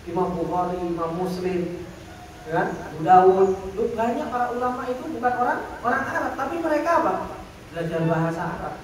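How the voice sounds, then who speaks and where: A man's voice: high voice, animated, a little fast. A man giving a religious lecture, asking rhetorical questions and answering them himself. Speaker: Islamic teacher. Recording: echoey room, distant mic, faint noise.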